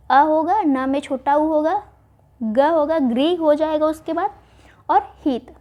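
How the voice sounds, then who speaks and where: A woman teaching Hindi spelling for exam prep, spelling words out slowly and answering her own questions. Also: high voice, warm tone. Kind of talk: online exam-prep lesson.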